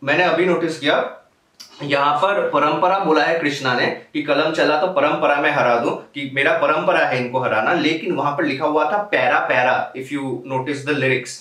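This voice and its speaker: A man's voice: a little high, moderate pace, pushed and bright, far from the mic. Man explaining rap lyrics in a roomy echo. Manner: explanatory, mixes English into his talk, laughs now and then. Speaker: reaction video host. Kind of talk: casual rap breakdown commentary. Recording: roomy, off-mic home recording.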